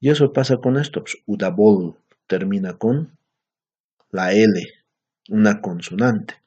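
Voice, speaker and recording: A very deep, husky male voice, speaking slowly as he walks students through a language lesson. He explains patiently and keeps checking that they follow. The recording sounds dull and lo-fi. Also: mellow. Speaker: Aymara language teacher.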